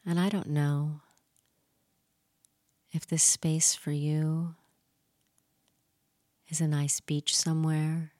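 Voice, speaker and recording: A woman with a low, mellow voice guides a relaxation session at an unhurried pace. She speaks soothingly, repeats herself gently and sometimes drops into a soft whisper. The recording is dry and close. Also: no echo. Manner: slow, soothing, gently repetitive. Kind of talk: guided hypnosis meditation.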